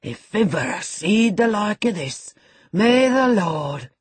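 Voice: medium pitch, moderate pace, a little mellow, slightly rough, dry recording. A reader voicing a pious, horrified old male servant with an in an audiobook. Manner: aghast, preachy. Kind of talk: audiobook character voice.

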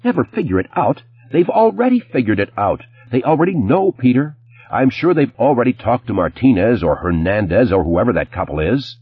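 A man reading an audiobook, voicing a sharp, image-conscious ex-wife who scolds in a clipped, indignant way. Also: sits low, very animated, moderate pace, husky, narrow, tinny audio, soft background music, full character voice. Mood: furious.

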